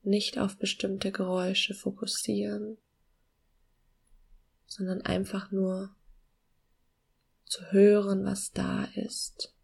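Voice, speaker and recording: A woman guiding a meditation in a soft, hushed, soothing near-whisper with long pauses and a breathy voice. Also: medium pitch, completely flat delivery. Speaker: podcast host guiding a meditation.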